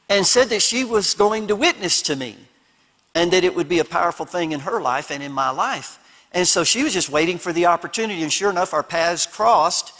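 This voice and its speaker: High-voiced male pastor in a reverberant hall. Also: sharp tone. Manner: storytelling, humorous and down to earth; emphatic repetition. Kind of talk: conference sermon. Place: church conference hall.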